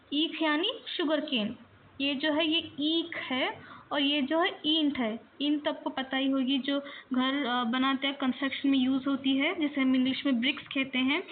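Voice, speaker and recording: A high-pitched woman speaks slowly and patiently as she teaches the Hindi vowels, drawing out every sound and slipping English words into her Hindi. The recording is thin and phone-like, with faint noise behind her. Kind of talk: slow, patient teaching with drawn-out example words.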